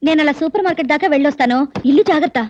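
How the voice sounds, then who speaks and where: A woman's voice: high-pitched, rapid-fire, a little mellow, dull audio, a little hiss or hum, natural voice. An actress playing a fussy, suspicious young wife in a comedy, scolding her husband. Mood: calm. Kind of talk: Telugu film comedy acting.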